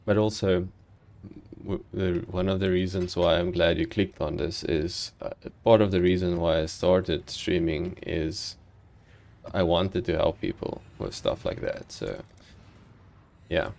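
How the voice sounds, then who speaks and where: A South African man whose accent is slightly Americanized chats casually with viewers while streaming a game. His voice is low and gravelly, and he sounds relaxed and chatty yet halting, with many ums, restarts and chuckles.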